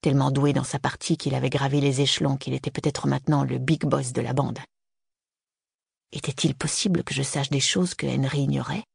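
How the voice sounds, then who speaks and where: Gravelly, husky audiobook narrator. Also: mid-range voice, steady tone, a little fast, no echo, clean studio sound. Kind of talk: first-person audiobook narration.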